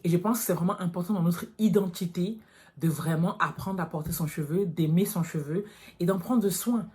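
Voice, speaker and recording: At a normal speed and in a mellow, lowish voice, a woman vlogger from France talks straight about natural hair. Her casual chat with viewers is frank and direct, and she calls them girls.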